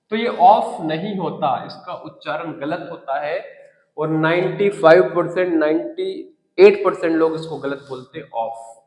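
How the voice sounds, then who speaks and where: A man with an Indian English accent teaching a spoken English lesson, repeating key words slowly and emphatically. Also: high voice, darkish tone. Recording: echoey room with long reverb.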